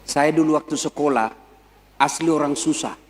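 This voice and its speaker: A male preacher, giving a lively, joking sermon and speaking directly to a live crowd. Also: fairly high pitch, normal speed. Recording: long hall reverb.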